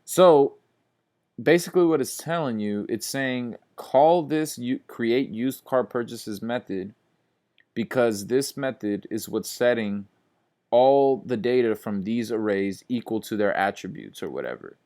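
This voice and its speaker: A man's voice: medium pitch, a little mellow. A man teaching a programming class, walking through code step by step in a casual, repetitive way, sleepy and yawning. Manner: casual, talks to viewers as guys, repeats steps slowly. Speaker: instructor.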